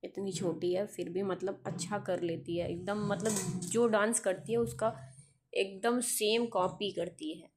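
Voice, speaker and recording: A woman's voice: mid-range voice, fairly even intonation, unhurried. Young woman vlogger, chatty and giggly, mid-range voice, faint home hum behind her. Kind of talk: casual vlog chat. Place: at a relative's home.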